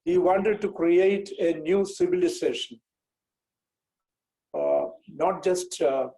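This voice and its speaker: A man in his sixties with a Malayalam Indian English accent from Kerala, explaining in a measured, deliberate way as a lecturer on a video call. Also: high voice, huge pitch swings, warm tone, rough recording. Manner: measured, deliberate, with repeated phrases for clarity. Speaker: guest speaker giving a lecture. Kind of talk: explanatory online talk. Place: indoor room with bookcase, on a video call.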